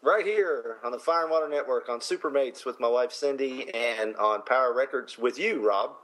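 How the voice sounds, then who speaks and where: A man chatting casually and somewhat haltingly as a guest on a film podcast. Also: mid-range voice, fairly bright tone, rough recording.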